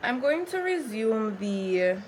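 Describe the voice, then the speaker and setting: A woman's voice: a little high, very animated, takes it slowly, a little hiss or hum. A woman with a Jamaican accent chatting casually as a lifestyle vlogger, informal and slipping into Patois. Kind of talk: casual chatty vlog talk.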